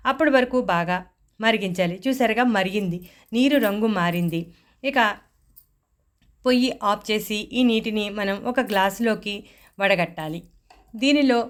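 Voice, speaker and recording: A woman hosting a home-remedy recipe channel, giving a steady, instructive scripted voice-over. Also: mid-range voice.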